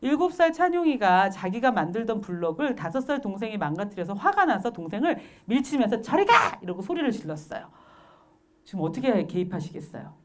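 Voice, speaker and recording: Lively woman giving a parenting lecture. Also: medium pitch, brisk, slight background noise. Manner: asks the audience questions, lively and expressive. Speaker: parenting educator.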